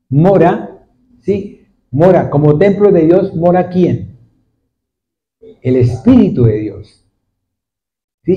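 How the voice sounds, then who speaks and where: A male pastor preaching a sermon to a congregation, repeatedly asking them questions in a steady, repetitive cadence. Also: high-pitched. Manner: asks the congregation frequent questions. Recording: dull lo-fi recording. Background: seated congregation.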